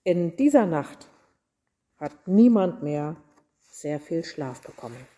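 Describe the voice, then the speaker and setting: A woman reading Christmas stories aloud in a measured, deliberate storytelling manner. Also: low-pitched, sing-song, dark tone. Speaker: reader.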